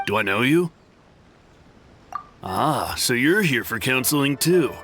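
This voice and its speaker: A man's voice: medium pitch, very animated, takes it slowly, sharp tone, full character voice. A man playing a haughty, gushing devotee of a guru in a video game, self-assured and snooty. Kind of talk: animated video game voice acting. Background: music.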